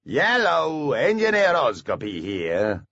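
A man voicing a grumpy, belligerent male dwarf engineer who talks in a stubborn, gruff, drawn-out way. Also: medium pitch, wildly swooping pitch, a bit bright, dry recording, muffled recording, pitched above the performer's own voice, full character voice.

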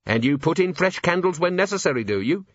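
A man as a gentle, coaxing police commander. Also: high voice, expressive, fast talker, no room sound, highs cut off, voice pushed up. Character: patient, kindly police commander.

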